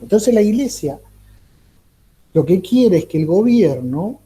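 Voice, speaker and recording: Guy teaching a class, kinda high voice but really warm and soft, lots of stops and restarts. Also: slightly rough. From Argentina. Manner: halting, with many repeated words and fillers, asking rhetorical questions. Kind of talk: recorded class lecture.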